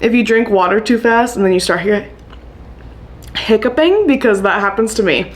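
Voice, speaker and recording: A woman's voice: mid-range voice, expressive, normal speed. Chatty upbeat woman plant vlogger. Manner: chatty, upbeat, laughs often. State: hiccuping. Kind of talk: casual chat to camera.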